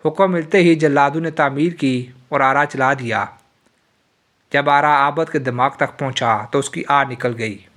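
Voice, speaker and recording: A man's voice: mid-range voice, fairly even intonation, fairly bright tone. Solemn male storyteller. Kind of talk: scripted narration of a religious tale.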